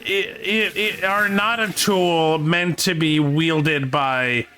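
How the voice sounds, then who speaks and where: A man from Canada chatting casually on a stream, opinionated and halting, restarting his sentences often, with faint game music behind. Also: on the high side, pushed and bright. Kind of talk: casual chat.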